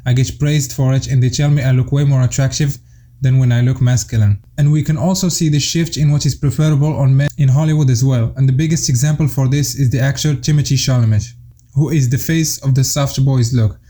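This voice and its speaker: Dark-voiced young man from Morocco. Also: mid-range voice, steady tone, fairly quick. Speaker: YouTube commentator. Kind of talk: scripted voice-over commentary.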